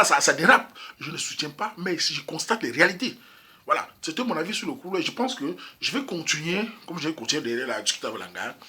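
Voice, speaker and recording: This YouTube commentator, a Cameroonian man in Europe, has a fairly high, sharp-toned and slightly rough voice. In a casual monologue about a couple's problems, he repeats himself emphatically and frequently turns to address his listeners directly.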